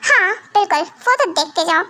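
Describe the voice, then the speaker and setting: A woman's voice: extremely high pitch, expressive, fairly quick, pushed and bright, slight background noise, exaggerated voice. A woman voicing a jealous, defiant young wife who argues tearfully and stubbornly in an amateur fan dub.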